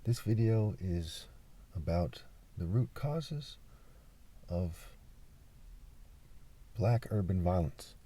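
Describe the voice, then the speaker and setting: A man from California talking insistently in an unscripted vlog monologue, pausing often with fillers. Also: deep voice, expressive, dark tone. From California, USA. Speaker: vlogger.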